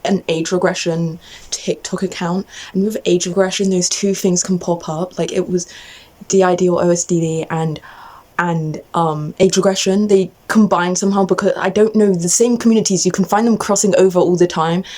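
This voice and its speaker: A woman's voice: lowish voice, steady tone, normal speed, warm tone. A young adult woman in an agitated, exasperated rant to camera, venting off the cuff in a casual way and often cutting herself off. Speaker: vlogger.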